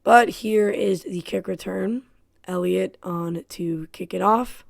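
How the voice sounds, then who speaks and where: A woman's voice: mid-range voice, slow, creaky. A woman giving play-by-play commentary on her own football video game, frustrated and self-critical. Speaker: gaming YouTuber.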